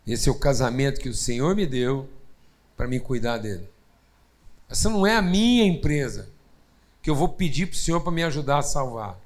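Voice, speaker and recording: A Brazilian man at a middle pitch joins a sermon as co-host. He speaks with steady conviction and backs his partner with firm affirmations. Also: moderate pace. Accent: Brazilian Portuguese. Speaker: co-host pastor. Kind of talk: sermon dialogue.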